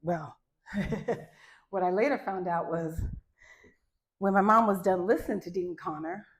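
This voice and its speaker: A woman in her fifties from Arizona, telling loud, self-mocking stories in a live stand-up set on a club stage. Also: lowish voice, a little slow. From Arizona, USA. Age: 50s. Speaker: stand-up comedian.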